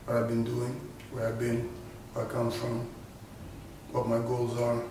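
This is a rambling, mid-range, monotone man speaking at a measured pace: a Senegalese boxer and rapper casually introducing himself to camera. He keeps repeating and restarting phrases. The indoor shot has a studio backdrop, and the distant, very echoey recording carries a noisy background and music.

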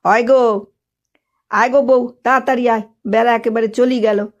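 A woman voicing a middle-aged village husband who jokes mildly and gently chides his wife. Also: a little high, fairly even intonation, moderate pace, muffled recording, lightly acted. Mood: easygoing. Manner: mild, joking, gently chiding.

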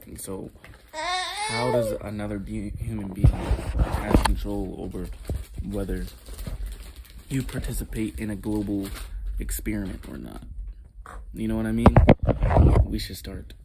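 A young man vlogging at home early in the morning, talking in a hushed, rambling, slangy way about spiritual ideas. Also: fairly even intonation, a little slow, long pauses. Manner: rambling, hushed and low-key, with slangy asides. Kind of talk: casual spiritual monologue to camera. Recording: loud background noise.

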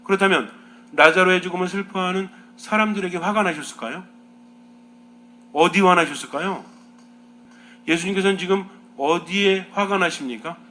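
Bright-voiced priest preaching a homily. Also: male voice, high-pitched, normal speed, pauses often. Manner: asks the listeners many questions, lively teaching tone.

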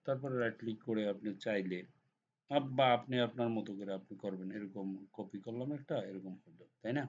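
A computer design instructor, hoarse from a cold, talks in a fairly low voice through a screen-recorded software tutorial step by step. He frequently checks that the viewer is keeping up with "ঠিক আছে?", on a dull lo-fi recording with faint noise.

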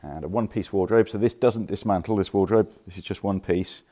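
Recorded on a handheld phone camera, a furniture dealer walks casually through his warehouse stock, chatty and informal and sometimes correcting himself. His voice sits low with a dark tone, and he talks a little fast.

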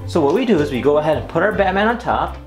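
Speaking rapid-fire in an expressive, higher-leaning voice, this twentysomething toy reviewer keeps things upbeat and relaxed while opening and showing off a toy. Music is clearly audible over the echoey room sound.

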